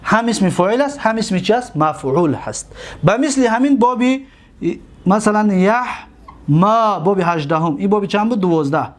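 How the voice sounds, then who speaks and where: Man, Tajik accent, high voice, classroom lecture, repeats terms, quizzes students. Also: lively intonation. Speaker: teacher.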